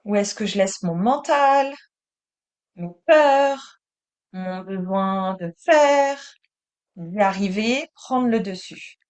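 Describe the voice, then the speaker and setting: French woman, meditation teacher, unhurried pace, calm and soothing. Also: medium pitch. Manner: slow, calm, soothing delivery.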